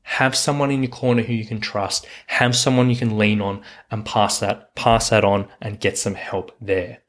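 A man's voice: lowish voice, little pitch movement, moderate pace. A man hosting a solo coaching podcast, talking in an earnest, reassuring way and repeating words for emphasis. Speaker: podcast host, hiking coach.

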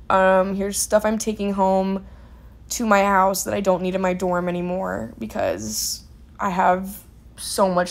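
A woman's voice: medium pitch, low-quality recording. A young woman in casual vlog narration, chatty and rambling, sounding tired and out of breath while filming herself around her dorm on a phone. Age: young adult. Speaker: vlogger. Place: dorm stairwell and rooms.

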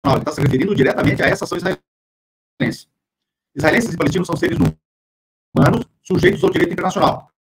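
A man's voice: high voice, fast talker, long pauses, husky. Man on a glitchy, breaking-up video call. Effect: choppy, crackling video-call audio that keeps breaking up. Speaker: professor, guest on a live online show. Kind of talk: reading quotes aloud and commenting on them. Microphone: remote video call.

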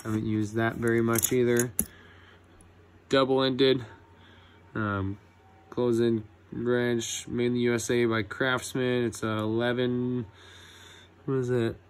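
A young man, an electrician apprentice, showing his tools in a casual vlog, relaxed and cussing freely with lots of ums. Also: mid-range voice, takes it slowly, long pauses, clear, resonant tone. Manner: laid-back, swears a lot, many ums. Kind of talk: casual tool review vlog.

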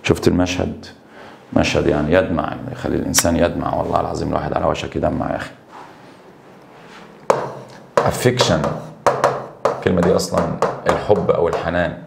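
A man with an Egyptian Arabic accent teaching an English exam-prep lesson. He reads English words slowly, explains them quickly in Arabic and stresses key words. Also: rumbling low, little pitch movement, gravelly, background noise.

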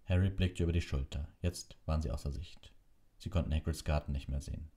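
A man reads an audiobook with a very deep, husky voice. His tone is dark and mellow, and he tells the story at a steady, even pace. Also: brisk. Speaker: audiobook narrator. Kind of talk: audiobook narration.

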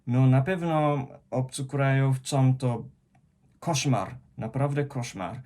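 A man's voice: medium pitch, slow pace, warm tone. A young man from Japan, speaking in a Japanese accent and working carefully through his words in a casual vlog, often stopping and restarting on hard sounds. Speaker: vlogger.

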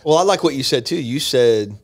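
A man in his fifties co-hosting a church podcast, talking in an earnest, rambling way full of asides, close on a boom mic in a small studio. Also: lively intonation, fairly quick. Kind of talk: casual chat. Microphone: boom mic close to mouth.

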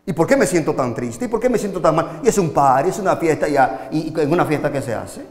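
Preaching live to young people, an animated Dominican man speaks at a quick pace in a voice on the high side. He throws out rhetorical questions and shifts from loud to soft, his words echoing through a hall with long reverb.

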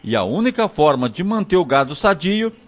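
A man's voice: fairly high pitch, very animated, brisk. A man narrating a local news report in a formal reporting tone.

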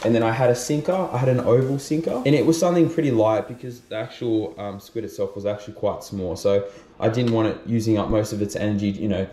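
A man's voice: on the low side, fast talker, dark tone. A young man vlogging and casually explaining his gear step by step, with plenty of "um" and "you know" fillers. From Australia. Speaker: fishing vlogger. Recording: roomy echo.

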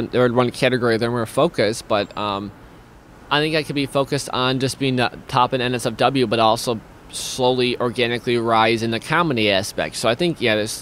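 A young man hosts a loose, casual chat in a small home studio, talking into a studio mic with headphones on. He rambles, restarts his sentences and fills the gaps with ums. His voice sits at a middle pitch, with a faint hiss of noise behind it. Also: a bit bright. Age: young adult. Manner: rambling, many restarts and fillers, reads viewer comments aloud. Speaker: host of a streaming talk show. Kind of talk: casual video-call chat.

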